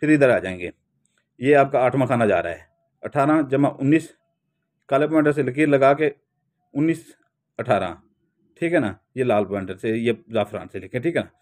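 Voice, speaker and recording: A man's voice: medium pitch, moderate pace, long pauses, darkish tone. A man with a Pakistani Urdu accent teaches how to draw a talisman step by step, often adding a short tag phrase as he goes. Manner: keeps saying a tag phrase, plain step-by-step instruction. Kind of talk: spoken tutorial while drawing.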